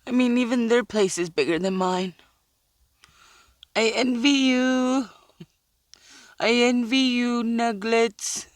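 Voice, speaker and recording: A woman's voice: a little high, fairly even intonation, slow pace, pauses often, no echo, studio quality. A sleep-deprived woman vlogging from inside a car, giggly and rambling as she talks to herself. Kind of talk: casual vlog talk.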